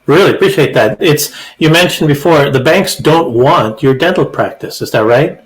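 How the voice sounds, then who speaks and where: A man's voice: fairly high pitch, expressive, moderate pace, low-quality recording. A man hosting an interview, asking brief, appreciative questions. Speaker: interview host. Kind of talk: casual interview.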